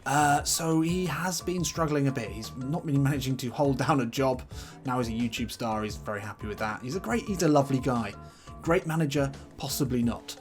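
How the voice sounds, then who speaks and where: A gaming YouTuber talks fairly quickly in a medium-pitched voice, casually commentating on a football video game. Chatty, he thinks through his team choices out loud as background music plays.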